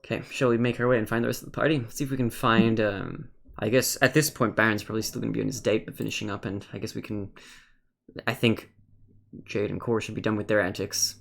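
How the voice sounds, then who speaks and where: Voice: medium pitch, steady tone, fast talker, creaky. Casual tabletop game master, mid-range voice, playful and exclamatory in narration.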